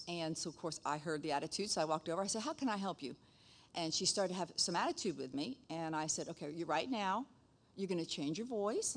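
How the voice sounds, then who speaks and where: A middle-aged woman, a pastor's wife, preaching a sermon with animated storytelling and playful asides. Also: lowish voice. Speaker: pastor's wife and church leader.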